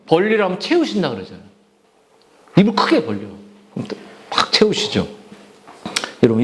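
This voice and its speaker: A male pastor preaching an impassioned sermon, repeating phrases and often breaking off mid-word as he presses his congregation. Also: sits high. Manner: restarts and trails off mid-word.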